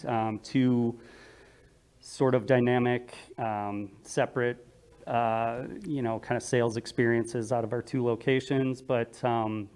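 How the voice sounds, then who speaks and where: An American man speaking through a face mask, explaining his work on a panel in a halting, measured way. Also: fairly low pitch, darkish tone, clear, resonant tone. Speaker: produce manager, panelist.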